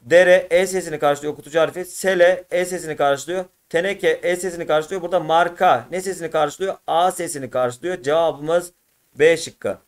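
Guy teacher walking through exam questions, slightly high voice, stretches out syllables slow. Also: steady tone. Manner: slow, drawn-out syllable by syllable explanation; addresses students as friends. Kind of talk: exam walkthrough lesson.

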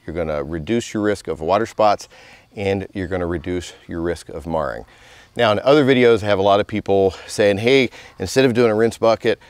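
Close-miked outside in a home driveway, a middle-aged car detailer gives a relaxed, conversational how-to session. His voice sits on the low side and sounds smooth, with no echo at all.

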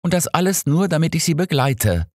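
A man's voice: fairly high pitch, very animated, brisk, dry recording, clean studio sound, pitched above the performer's own voice. A man voicing a stubborn, easily offended older doctor who sulks and protests. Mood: indignant. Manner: indignant, sulky. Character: stubborn, touchy older male doctor companion.

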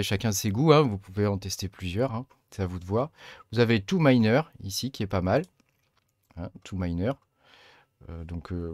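Low-voiced man giving a chatty tutorial. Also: no echo, studio quality. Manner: relaxed, chatty, many fillers like "hein" and "euh". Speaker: tutorial host. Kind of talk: casual screen-recorded tutorial.

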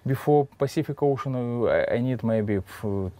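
A man with a Russian accent speaking halting, simple English in a casual interview, often repeating words. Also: medium pitch, dark tone. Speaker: adventurer and sailor, interviewee. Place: on a sailboat in a marina, cockpit and cabin. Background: music.

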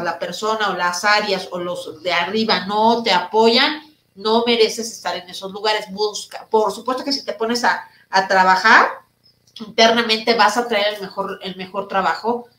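A woman therapist and speaker answering audience questions in a live online talk, speaking loudly and emphatically and asking her listeners questions. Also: medium pitch, fairly even intonation, moderate pace, roomy sound, low-quality recording. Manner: addresses listeners directly with rhetorical questions.

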